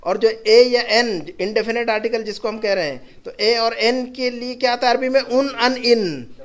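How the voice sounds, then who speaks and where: High-voiced man teaching grammar patiently. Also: fairly even intonation, moderate pace. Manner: patient, repeats examples aloud. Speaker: Arabic teacher. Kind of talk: classroom grammar lesson.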